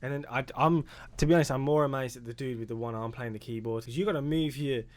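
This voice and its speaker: A young British man hosting a casual music reaction video, excitable and slangy, with sudden loud exclamations. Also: mid-range voice, quick pace. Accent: British English.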